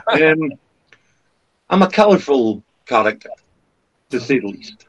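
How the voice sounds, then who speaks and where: A man in his fifties from the Scottish Highlands, with a Highland accent, talking casually and candidly about things in a conversational, storytelling way. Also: big pitch swings, slow pace. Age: 50s. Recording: dull lo-fi sound.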